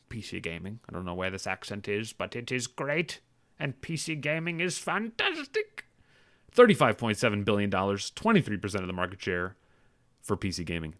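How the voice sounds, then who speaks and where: A man's voice: on the low side, fairly bright tone. A man hosting a podcast, reading gaming industry figures aloud and breaking off into sarcastic, self-deprecating asides, often stumbling and correcting himself. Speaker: podcast host. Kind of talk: casual news commentary.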